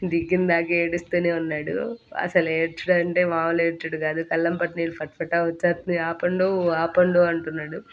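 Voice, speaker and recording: A woman in her thirties narrates her family vlog in a chatty, amused way, telling the story as the clips play. Her pitch stays fairly flat and level throughout. The recording sounds a little dull and lo-fi. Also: a little fast. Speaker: family vlogger, mother. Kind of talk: casual vlog voice-over narration.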